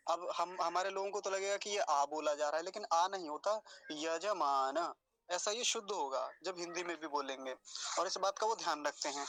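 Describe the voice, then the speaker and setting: Male pronunciation teacher, high-pitched, patient, stretches out each syllable in demonstration. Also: a bit bright. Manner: patient, repeats syllables slowly and deliberately; explains step by step. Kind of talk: pronunciation lesson.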